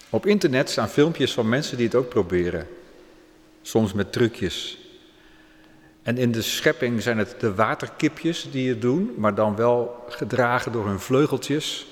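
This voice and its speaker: A man reading scripture aloud and then preaching on it in plain speech. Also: mid-range voice. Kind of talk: Bible reading and sermon. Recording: long hall reverb.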